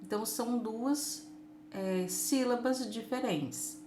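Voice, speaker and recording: A woman teacher giving a children's lesson, saying words slowly and patiently and stretching them out. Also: a little high. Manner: slow, patient, drawn-out words. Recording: echoey room with faint noise.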